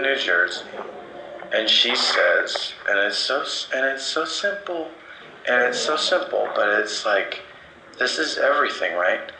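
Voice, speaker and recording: A drunk man rambling sentimentally on a phone call, reading out inspirational quotes and halting mid-sentence. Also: medium pitch, echoey room, background noise. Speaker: comedy podcast host.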